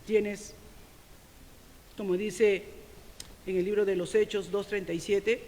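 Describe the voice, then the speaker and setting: In a church sanctuary, a middle-aged woman from Peru preaches a sermon in Peruvian-accented Spanish, pressing her points loudly before dropping to soft, confessional asides. Her medium-pitched voice moves slowly with fairly even intonation, carrying a long church reverb. A little hiss or hum can be heard.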